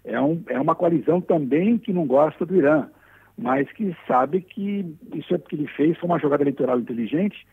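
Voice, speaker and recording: A man giving measured, opinionated news analysis as a correspondent, calling in. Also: on the high side, expressive, gravelly, slightly rough. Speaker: foreign correspondent. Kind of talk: live analysis over phone. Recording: tinny phone line.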